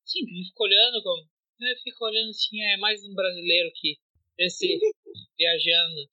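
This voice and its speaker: A woman's voice: medium pitch, fairly even intonation, moderate pace, bright, forceful tone, dry recording, muffled recording. A woman co-hosting a casual podcast who talks bluntly, mocks freely and swears. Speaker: podcast co-host.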